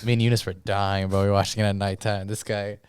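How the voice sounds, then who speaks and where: A young man co-hosting a podcast, telling a story in casual chat with lots of laughing and mimicked shouts. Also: fairly low pitch, little pitch movement, quick pace, clean tone, no echo. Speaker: podcast co-host.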